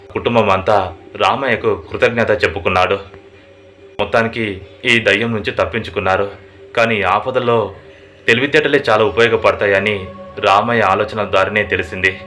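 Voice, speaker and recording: A male storyteller narrates a horror tale. His voice sits low but carries a bright, forceful edge. The delivery is dramatic and steady throughout.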